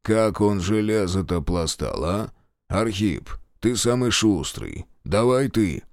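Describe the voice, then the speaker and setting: A man's voice: lowish voice, animated, takes it slowly, dry recording, studio quality. A male narrator voicing a sullen village boar hunter who mutters in a sardonic, coarse way. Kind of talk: audiobook character voice.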